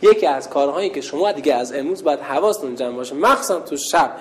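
A woman religious instructor leading a lively call-and-response game with young girls in a large hall. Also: low voice, very noisy. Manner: lively, playful, calls out loudly.

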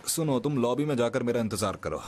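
A man's voice: medium pitch, animated, brisk, darkish tone, natural voice. Man doing young businessman, middling voice, teasing, curt orders, dubbed drama, faint noise. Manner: teasing and playful, turns curt when giving orders.

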